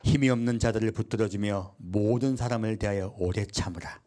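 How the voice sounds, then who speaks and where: A man's voice: lowish voice, brisk. A man preaching a sermon as pastor, asking his congregation questions and answering them himself. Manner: lively preaching with call-and-response questions and acted quotes.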